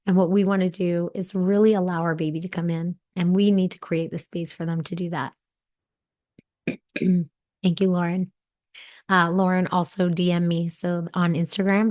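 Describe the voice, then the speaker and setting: A woman in her thirties, a fertility coach, giving an earnest, encouraging webinar pitch with many fillers.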